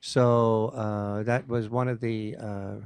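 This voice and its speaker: A man's voice: on the low side, level tone, takes it slowly, a little mellow, clear, resonant tone, no echo. An older man from New York City, a music producer talking casually as a radio guest, rambling with many fillers. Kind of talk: casual interview talk. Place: radio studio.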